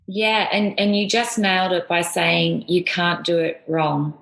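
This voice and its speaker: A woman's voice: on the low side, little pitch movement, a little slow, gravelly, fairly bright tone. A middle-aged woman with an Australian accent, a guest talking casually in a rambling way with many restarts. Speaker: guest, air force veteran. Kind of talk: casual interview chat. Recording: echoey room.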